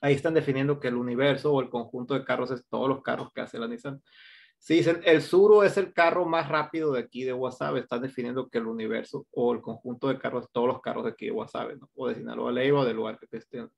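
A man's voice: mid-range voice, fairly even intonation, fast talker, vocal fry. A man with a Mexican Spanish accent teaching an English grammar class online, explaining step by step and often checking with "¿no?". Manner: explains step by step, keeps asking "¿no?".

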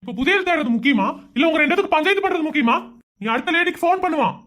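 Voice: high-pitched, animated, racing, a bit bright. A performer voicing a bossy cartoon gangster man. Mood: scheming. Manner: gruff, bossy threats. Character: menacing male gangster boss with a gun. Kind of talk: animated cartoon voice acting.

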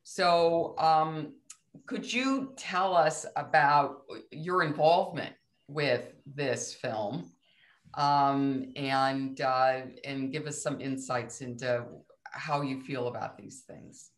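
A woman's voice: extremely low pitch, slow. Woman, panel moderator; introduces guests, restarts her sentences.

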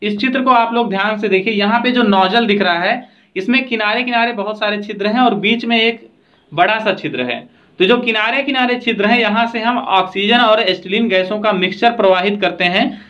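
A man's voice: high-pitched, pushed and bright, highs cut off. A man teaching trade theory over slides, explaining steadily with frequent filler phrases. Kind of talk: slide lecture with annotations.

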